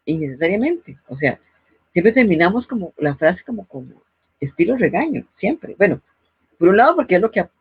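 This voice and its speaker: A woman's voice: low voice, slightly rough, no echo. A middle-aged woman hosting a parenting advice talk in a didactic way, now and then acting out scolding parents. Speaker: host. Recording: dull, lo-fi dry recording.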